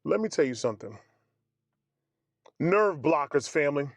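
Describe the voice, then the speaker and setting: A man streaming, telling a personal story in a casual, animated way, acting out the dialogue and calling his listeners family and fellas. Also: fairly high pitch, moderate pace, no echo. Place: home streaming setup.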